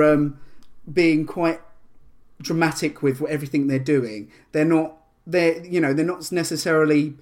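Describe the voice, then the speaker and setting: A man running a tabletop game as game master, his voice pitched a little above the usual. He narrates scenes haltingly, with plenty of fillers and restarts. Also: darkish tone.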